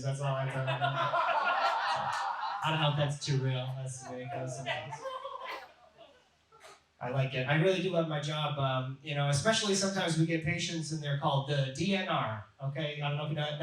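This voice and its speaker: A man's voice: on the high side, brisk, distant mic, a little hiss or hum. Man doing stand-up in an echoey club. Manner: deadpan, self-mocking jokes. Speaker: stand-up comedian. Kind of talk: stand-up comedy set. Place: comedy club stage, audience laughing. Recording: echoey club, mic heard from afar.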